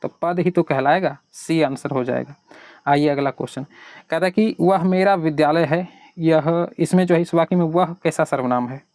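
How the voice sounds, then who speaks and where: Male tutor with a Bihari Hindi accent, slightly high voice, asks the class questions and answers them himself. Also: moderate pace, darkish tone, no echo, clean studio sound. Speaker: exam prep teacher. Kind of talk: online exam lesson.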